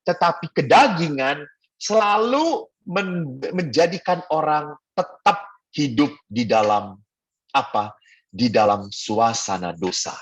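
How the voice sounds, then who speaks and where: Husky middle-aged priest, lively storyteller. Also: male voice, fairly high pitch, slow. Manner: animated storyteller who acts out voices. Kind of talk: casual spiritual talk to a youth group.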